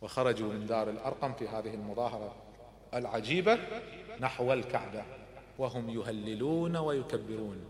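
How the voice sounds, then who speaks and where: Animated, fast-talking man. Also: fairly low pitch. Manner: animated, acts out quoted voices and shouts. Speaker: lecturer on religious history. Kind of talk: dramatic storytelling lecture. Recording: echoey hall recording.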